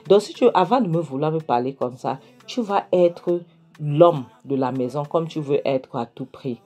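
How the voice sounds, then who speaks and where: A woman voicing a defiant wife in a retold film, scolding her husband and demanding he understands, in a low dark voice. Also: lively intonation, normal speed, soft background music. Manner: scolding, repeats "est-ce que tu as compris?".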